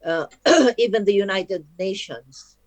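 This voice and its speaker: An older woman giving a webinar lecture with slow, deliberate phrasing and frequent pauses, her voice worn and hoarse. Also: medium pitch, no room sound. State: losing her voice, coughing. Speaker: webinar speaker on curriculum. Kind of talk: online lecture and Q&A. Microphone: video call.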